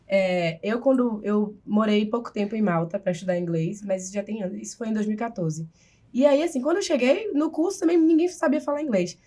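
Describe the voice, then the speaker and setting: A woman with a Bahian Brazilian accent, chatting on a podcast as co-host and telling lively stories. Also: mid-range voice, a little fast. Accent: Bahian Brazilian Portuguese. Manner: animated storyteller who acts out quoted voices. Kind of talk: casual podcast chat.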